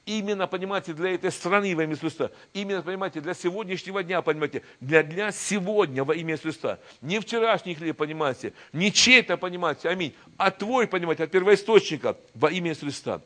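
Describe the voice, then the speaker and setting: High-voiced man preaching with repeated asides. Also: fast talker, few pauses. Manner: repeats "понимаете" constantly, call-and-response; builds to loud shouted proclamations. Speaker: pastor. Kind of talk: sermon. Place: church.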